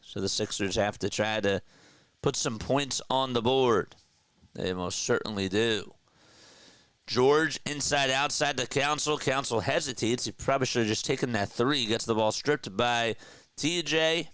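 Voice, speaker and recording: A stuffy-nosed man calls live basketball play-by-play with energy, chatting to his viewers between plays. His voice is medium-pitched and measured, recorded cleanly with no echo.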